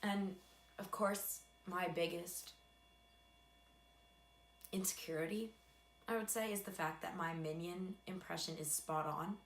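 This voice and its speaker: A woman's voice: fairly low pitch, steady tone, a little slow, pauses often. Young american woman doing a casual storytime, chatty n self-deprecating, echoey room w a bit of background hum. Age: young adult. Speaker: video creator telling a personal story.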